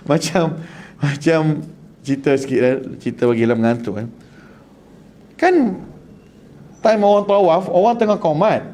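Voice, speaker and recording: Man, Quran teacher, lively pitch, slightly high voice, joking stories. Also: unhurried, long pauses. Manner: animated joking storyteller. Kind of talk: humorous religious class.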